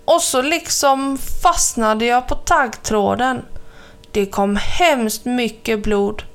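A woman voicing a gentle, plaintive mother cow in a children's story, talking softly and a little slowly. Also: a little high, clear, resonant tone, natural voice.

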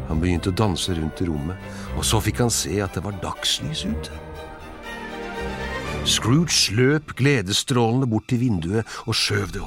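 A man giving an expressive, dramatic storybook narration. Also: fairly low pitch.

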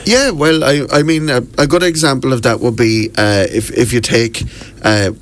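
A man's voice: medium pitch, moderate pace. A man with a Wexford Irish accent chatting as a tour guide in a radio interview, telling things in an enthusiastic, informal way. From Wexford, southeast Ireland. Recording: clearly noisy background.

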